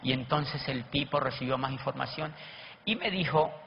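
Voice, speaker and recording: A man, a network marketing speaker, telling animated seminar stories and acting out the people he quotes. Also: mid-range voice, moderate pace, creaky. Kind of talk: motivational seminar storytelling. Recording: echoey hall, dull lo-fi, faint noise.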